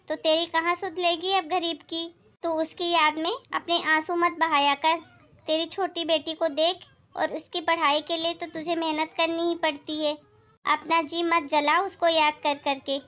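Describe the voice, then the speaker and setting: A woman voicing a sharp-tongued older aunt who lectures her neighbor in a blunt, scolding way. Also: very high-pitched.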